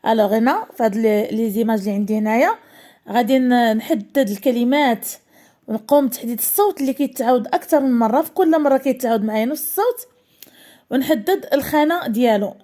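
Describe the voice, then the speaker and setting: A woman with a Moroccan accent teaching a primary school French lesson, repeating words slowly and carefully to drill syllables. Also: on the high side, dark tone.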